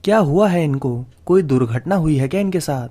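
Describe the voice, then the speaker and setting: Anxious young wife, male narrator voicing her, worried, urgent questions, slightly raised pitch. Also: animated, fairly quick, mellow.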